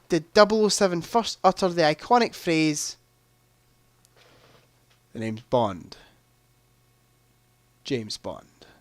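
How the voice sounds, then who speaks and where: A man's voice: high-pitched, dry recording. A man hosting a live movie quiz stream, chatting casually, thinking aloud and making self-deprecating asides.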